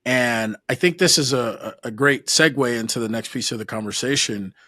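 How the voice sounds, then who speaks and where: A man's voice: mid-range voice, moderate pace, bright, forceful tone, no room sound, clean studio sound. Friendly rambling male podcast host. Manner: friendly, rambling, restarts his sentences. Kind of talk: casual interview chat.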